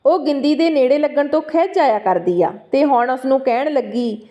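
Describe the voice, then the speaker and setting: Woman, Punjabi accent, storybook narrator, high voice, reads dialogue too. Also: moderate pace, mellow, dull audio.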